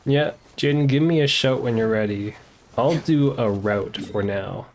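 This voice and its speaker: Speaking a little slowly in a mid-range voice, a man streams a video game and gives relaxed, casual commentary, talking to his viewers as well as himself. There's slight background noise.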